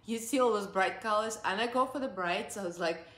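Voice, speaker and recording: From the sofa in her living room, a Russian woman in her forties with a Russian accent does a cheerful, chatty makeup review full of laughter. She speaks fairly fast at medium pitch, a bit bright, and the room echoes.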